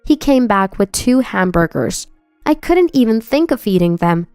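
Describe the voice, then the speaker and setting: A woman tells a first-person story in an even, scripted narration. Her voice is smooth and clear at a middle pitch, recorded dry and close. Faint music plays behind her. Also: moderate pace, dry recording.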